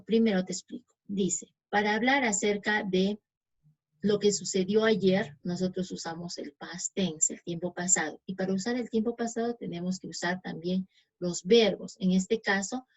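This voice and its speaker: A Spanish-speaking woman teaching English grammar, slowly reading out example sentences and often checking in with her students. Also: mid-range voice. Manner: slow, reads English examples deliberately, checks in with "¿sí?". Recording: dull lo-fi sound.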